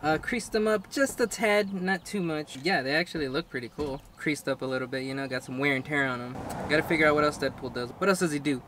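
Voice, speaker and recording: A man's voice: fairly high pitch, fast, hardly any pauses, bright, forceful tone, a little hiss or hum. A man casually reviewing a pair of shoes on his vlog, chatty and upbeat, laughing often as he talks. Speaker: collectibles reviewer. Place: at home, then outdoors.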